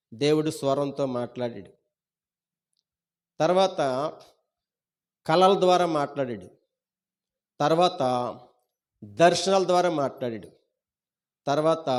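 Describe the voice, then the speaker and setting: A male pastor with a Telugu accent preaching a sermon, asking the congregation questions and repeating key phrases. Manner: rises loud on key words, then drops low at line ends.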